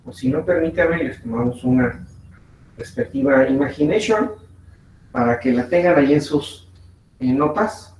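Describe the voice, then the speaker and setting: A man's voice: medium pitch, unhurried, darkish tone. A man teaching a physics class, explaining step by step with frequent fillers and checking in with his students, with a Mexican Spanish accent. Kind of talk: online class lecture. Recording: echoey room, distant mic, faint noise.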